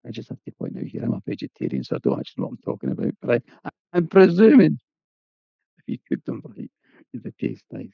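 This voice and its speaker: A man's voice: medium pitch, huge pitch swings, fast, gravelly, breathy edge, dry recording, dull audio. A man with an Irish accent telling a folk tale aloud in a chatty, folksy way, with asides to the listener. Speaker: storyteller. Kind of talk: oral storytelling.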